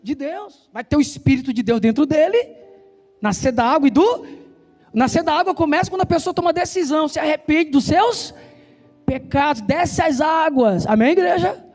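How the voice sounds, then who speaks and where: Very high-voiced fast Brazilian preacher. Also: male voice, expressive. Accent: Brazilian Portuguese. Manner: fast, loud and emphatic, with constant call-and-response questions. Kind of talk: sermon. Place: church. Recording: reverberant church hall with soft instrumental music.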